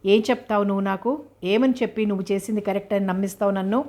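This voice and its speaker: A woman reading the part of a distraught young woman who fires sharp, accusing questions. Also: mid-range voice, fairly even intonation, fast talker, lightly acted. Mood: upset.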